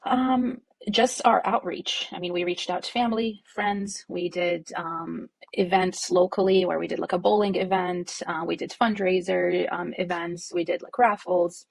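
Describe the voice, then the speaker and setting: A woman from Jordan speaking in an interview with a low, husky voice and a gravelly edge. She talks reflectively, with fillers and quiet laughs. The recording is dry and close. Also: steady tone, normal speed, hardly any pauses, no room sound. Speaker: nonprofit co-founder, guest. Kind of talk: conversational interview.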